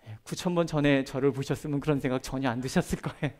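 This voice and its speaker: A middle-aged man preaching a prayer-meeting sermon as a pastor, chatting through personal stories and moving between loud emphasis and soft, hushed asides. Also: medium pitch, quick pace. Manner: conversational, tells personal stories with gestures.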